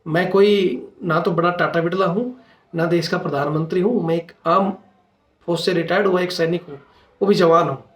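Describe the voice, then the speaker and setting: A retired soldier hosting his own channel makes an earnest, insistent, informal appeal to his followers. His voice sits high with a steady tone, and he speaks at a normal speed. The recording has echoey room sound.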